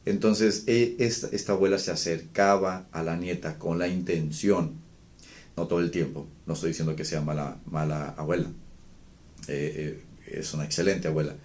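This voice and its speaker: A man, a psychologist, talking calmly about parenting and guilt, explaining with frequent restarts and fillers. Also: deep voice, moderate pace.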